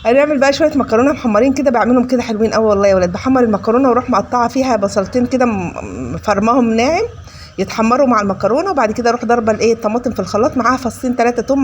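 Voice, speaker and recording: Egyptian woman cooking vlogger, rapid-fire, slightly high voice, scolding tone, faint noise behind. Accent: Egyptian Arabic. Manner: scolding, preachy; addresses viewers as "kids". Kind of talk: casual chat while cooking.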